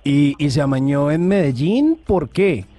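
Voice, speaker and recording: Chatty radio host. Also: male voice, on the high side, lively intonation, unhurried, warm tone, faint music behind. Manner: upbeat, chatty, asks questions. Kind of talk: casual radio chat.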